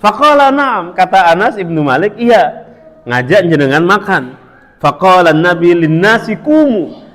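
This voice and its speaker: Javanese-accented preacher in a reverberant hall. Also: male voice, high voice, big pitch swings, unhurried, a bit bright. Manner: storytelling, switching between Indonesian and Javanese, quoting Arabic. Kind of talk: religious study talk.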